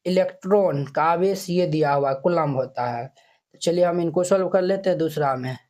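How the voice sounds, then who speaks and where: Moderately paced and a little mellow, this man's higher voice guides a class through math textbook exercises. He reads out each digit individually and makes sure the students are following along.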